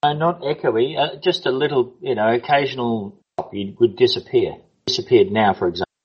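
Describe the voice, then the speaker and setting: A man talking in halting bursts with frequent restarts over a call whose audio keeps breaking up. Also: mid-range voice, husky, lo-fi sound. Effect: choppy call audio breaking up. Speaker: co-host on a call. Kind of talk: casual conversation over an online call.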